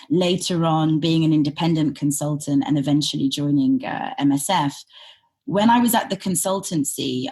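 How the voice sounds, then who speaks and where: Low husky woman telling stories. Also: darkish tone. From Sudan, raised in Britain. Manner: reflective, thoughtful, with frequent fillers. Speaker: podcast guest, humanitarian consultant. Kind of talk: conversational interview storytelling.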